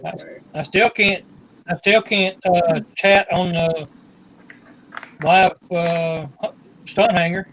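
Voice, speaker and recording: A man in a casual video call chat, talking haltingly and repeating himself while his audio breaks up on a bad connection. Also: sits high, fairly even intonation, a bit bright, a little hiss or hum, low-quality recording. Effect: choppy audio from a bad connection, cutting in and out. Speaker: hangout participant. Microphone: computer or phone on a video call.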